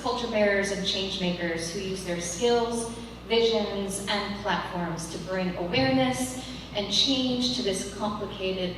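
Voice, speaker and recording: A woman moderating a live panel, introducing guests effusively with some fillers. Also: mid-range voice. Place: large echoey hall. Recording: echoey hall, distant, noisy.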